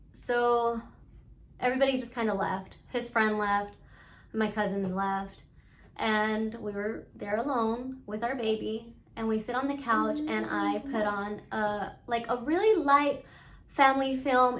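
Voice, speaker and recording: Slow-speaking woman, earnest and halting. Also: fairly high pitch, a little hiss or hum. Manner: halting, pausing often, earnest. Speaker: vlogger recounting her own experience. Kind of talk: personal storytelling monologue.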